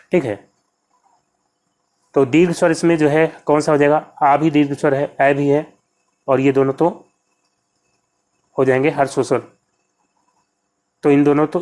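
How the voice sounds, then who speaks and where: A man's voice: on the high side, darkish tone. A man teaching an exam-prep lesson, patiently explaining answers and repeating key terms as he addresses viewers as friends. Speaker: Hindi exam tutor.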